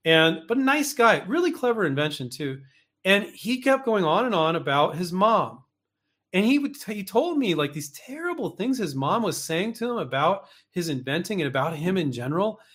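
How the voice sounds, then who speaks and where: A man with a somewhat high-pitched voice gives inventors blunt, casual advice. He talks in a chatty, unpolished way, restarting sentences and throwing in mild curses. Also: sing-song, moderate pace, a bit bright. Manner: frank and blunt, with mild swearing; chatty, with many restarts and asides. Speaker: invention licensing coach.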